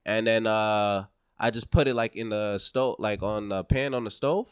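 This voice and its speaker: A man's voice: lowish voice, fairly even intonation, moderate pace, clear, resonant tone, no echo, studio quality. A man co-hosting a podcast, telling stories in a loose, slangy casual chat and throwing in sound effects. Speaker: podcast co-host.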